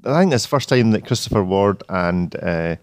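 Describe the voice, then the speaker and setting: A man's voice: deep voice, lively intonation, moderate pace, a little mellow, no room sound, studio quality. A Scottish man hosting a podcast in casual chat, loose and joking. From Scotland. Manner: chatty, laughs often, loose and joking. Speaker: podcast host. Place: outdoors in a public place.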